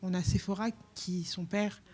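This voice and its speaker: A woman's voice: fairly low pitch, level tone, moderate pace, a little mellow, husky. A woman with a French accent hosting a talk show, prompting her guest with questions and finishing her sentences. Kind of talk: interviewing.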